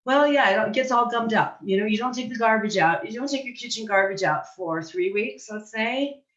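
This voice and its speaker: A hoarse woman, still recovering from laryngitis, talks as a coach in a relaxed live chat. She circles and repeats words as she thinks. Her video-call audio sounds roomy and dull. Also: fairly high pitch, moderate pace. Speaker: mindset coach and hypnotherapist. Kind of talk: casual live-stream chat.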